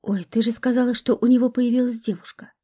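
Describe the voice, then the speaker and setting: A woman's voice: on the high side, fairly even intonation, fast, mellow, husky. A woman voicing a naive, ashamed young woman in a storybook reading, with a tearful, plaintive manner.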